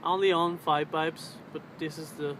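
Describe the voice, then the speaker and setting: A man in his twenties chatting casually to camera in a hesitant, halting way, searching for his words. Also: a little high, fairly even intonation. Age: 20s. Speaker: vlogger. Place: outdoors on a riverbank under a road bridge. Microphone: camera's built-in mic at arm's length. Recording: clear outdoor traffic and ambient noise.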